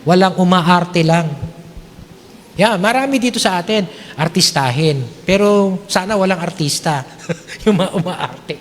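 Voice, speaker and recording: Pastor guy preaching, kinda high voice, lots of church hall echo, chatty, keeps asking okay. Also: unhurried, long pauses, a little hiss or hum. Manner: conversational, checks in with "okay?" often; mixes Tagalog and English. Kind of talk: sermon.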